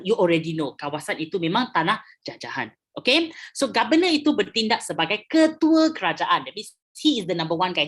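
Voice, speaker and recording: Low-voiced Malaysian woman teaching history. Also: fairly bright tone. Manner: code-switching, chatty, acts out quotes. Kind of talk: online history lesson.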